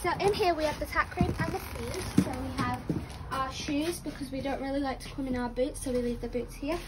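A high-voiced young woman chats her way through a tour of a horse barn. She rambles along with plenty of fillers. A phone picks her up with noise clearly audible behind her. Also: fairly quick. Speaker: vlogger showing her barn. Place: outdoor horse barn and stables. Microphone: phone camera held nearby. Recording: phone video with background noise.

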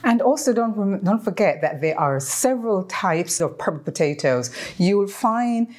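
A woman's voice: medium pitch, expressive, moderate pace, darkish tone. A woman in her fifties hosting a casual home cooking video, chatting and explaining as she works, with frequent ums, recorded in her home kitchen. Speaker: cooking channel host.

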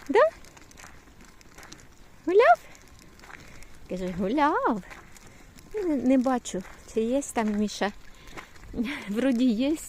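A woman's voice: a little high, mellow. Older woman cooing baby talk. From Ukraine. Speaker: grandmother vlogger. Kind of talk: casual chat while babysitting. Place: outdoors in a yard.

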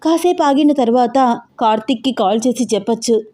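A woman's voice: a little high, warm tone, lightly acted. Woman voicing a fiery young bride. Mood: insistent. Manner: agitated, rapid questioning.

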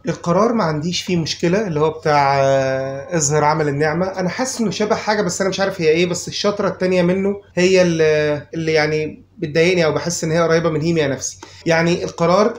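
A man from Egypt with an Egyptian accent, chatting casually as he teaches a guitar lesson and thinks aloud while explaining. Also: fairly high pitch. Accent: Egyptian Arabic. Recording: roomy, loud guitar behind. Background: loud guitar playing.

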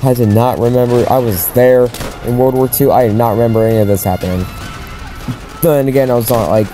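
A man commentating his own war-shooter playthrough, joking and rambling and yelling repeated taunts at enemies. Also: medium pitch, a little fast, faint music behind. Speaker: gamer playing a war shooter. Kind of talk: let's play commentary. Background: game soundtrack and gunfire.

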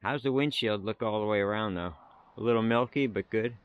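A middle-aged American man vlogs a walking tour through an overgrown field, offering casual, wry, folksy commentary. His lowish voice moves briskly and smoothly. He's recorded on a handheld action camera, and the high frequencies are cut off.

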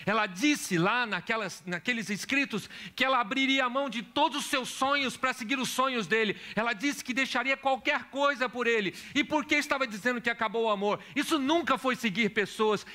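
A man's voice: very high-pitched, sharp tone. A man preaching a sermon in church as pastor, asking the congregation questions and telling stories. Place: church hall.

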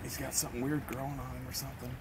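A man's voice: medium pitch, little pitch movement, gravelly. A middle-aged man, chatting and coaching casually while fishing outdoors, filmed on a handheld phone. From Texas. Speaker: fishing vlogger. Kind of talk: casual outdoor vlog narration. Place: outdoors by a rocky creek. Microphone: handheld phone camera. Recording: phone audio with loud creek noise. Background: rushing creek water.

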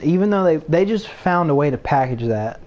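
A man's voice: fairly high pitch, lively intonation, fairly quick, a little mellow. A young man co-hosting a casual gaming podcast, blunt and opinionated, swearing casually. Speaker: podcast co-host.

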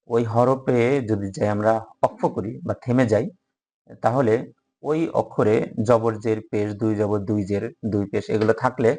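Patient man teaching recitation slowly. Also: medium pitch, darkish tone. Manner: patient, repeats each word slowly for learners to follow. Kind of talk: step-by-step recitation lesson. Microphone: microphone.

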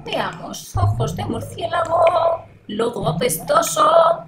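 A woman's voice: very high voice, wildly swooping pitch, slow, gravelly, voice pushed up, heavily acted. A woman voicing a sly old cackling witch in a puppet story for children. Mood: wry, scheming. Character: cackling old witch, sly, brewing spells in her cave. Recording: roomy echo, music behind.

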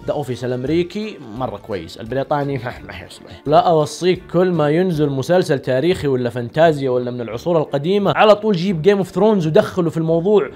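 A man's voice: on the high side, very fast, mellow, faint music behind. A young man giving sarcastic mock advice in a teasing comedy monologue. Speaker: comedy YouTuber.

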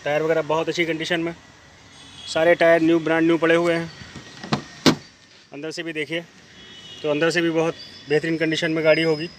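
A man gives a brisk, repetitive sales pitch while walking around cars on an outdoor lot, filming on a handheld phone. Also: monotone. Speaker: used car dealer. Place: outdoor used car lot. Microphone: handheld phone camera. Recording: faint outdoor street noise.

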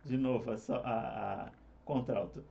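A man, a singing teacher explaining harmony parts in a relaxed, conversational way. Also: mid-range voice, unhurried, gravelly, lo-fi sound, loud music behind the voice. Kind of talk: explaining vocal harmony with sung examples.

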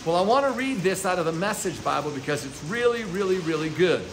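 Male preacher, higher-pitched voice, emphatic sermon delivery with scripture readings. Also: expressive, brisk, noisy background. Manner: emphatic, repetitive contrasts, reads scripture aloud. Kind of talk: sermon teaching.

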